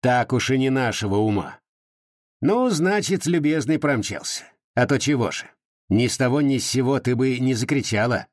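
A man voicing a sly, nosy old village widow in an audiobook, with folksy, mocking peasant speech and a husky tone. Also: medium pitch, lively intonation, moderate pace, dry recording, studio quality, natural voice. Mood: scolding mockery. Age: over 60.

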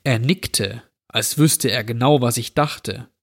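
A man narrating a scripted horror story in a slow, measured, somber way. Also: mid-range voice, gravelly.

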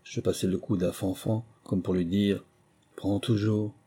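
A man narrating memoirs as an audiobook, in a measured storytelling manner. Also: deep voice, fairly even intonation, dark tone, husky.

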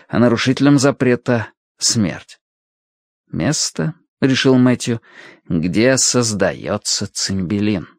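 Steady male audiobook narrator, dry sound. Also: mid-range voice, no room sound. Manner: measured, steady storytelling with acted pauses. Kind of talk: scripted narration.

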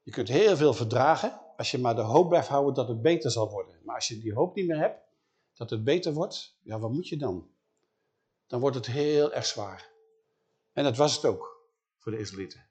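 A man's voice: medium pitch, animated, moderate pace, darkish tone. A man retelling a Bible story in a conversational way, with frequent questions to the listener.

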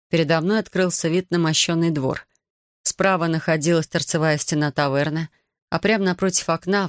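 A woman reading a first-person novel aloud as an audiobook narrator, in a measured, even storytelling manner. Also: low-pitched, no room sound, clean studio sound.

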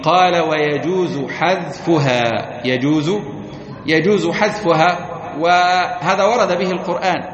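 A man teaching an Arabic grammar lesson to a class. He reads a passage aloud, explains it, asks his listeners questions, and slowly chants verses and example words. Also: fairly high pitch, crowd noise. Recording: echoey hall, muffled lo-fi sound, audience present.

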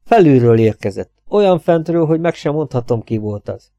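A harried, fed-up male police captain, as a male narrator reads him. He grumbles his complaints in a weary voice. The recording is dry and close, with a mellow tone. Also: a little high, animated, no echo, voice pushed up. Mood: grumbling.

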